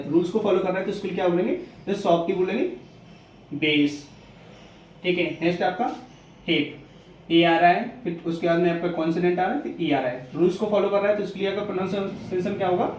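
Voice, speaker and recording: A man teaching a spoken English lesson, slowly repeating his points and asking questions that he then answers himself. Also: high-pitched, a little hiss or hum. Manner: slow, repetitive teaching, poses questions and answers them. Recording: very echoey room, mic at a distance.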